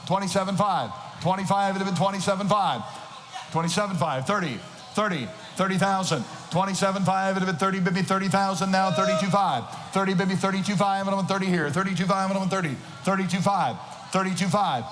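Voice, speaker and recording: Talking fast, this auctioneer's high, slightly bright voice chants bids relentlessly, looping numbers and filler phrases in rhythm. The sound comes over an echoing PA in a big auction hall full of noisy ambience.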